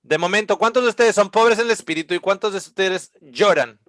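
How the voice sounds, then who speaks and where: Male preacher, high voice, fervent and dynamic, close dry mic. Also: fairly quick, no room sound. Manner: impassioned, swings between loud and hushed. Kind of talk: sermon.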